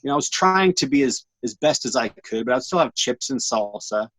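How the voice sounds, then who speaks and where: A man's voice: medium pitch, fairly quick, no room sound. Dry, rambling man in his forties. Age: 40s. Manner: animated, slangy, rambling with many restarts. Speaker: interview guest. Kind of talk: casual storytelling in an interview.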